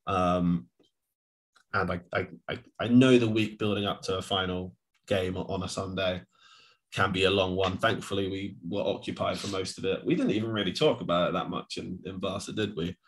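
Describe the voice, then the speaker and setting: A man's voice: low-pitched, fairly even intonation, moderate pace. A man co-hosting a podcast, chatting casually about football, rambling with lots of restarts and fillers. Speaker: podcast co-host.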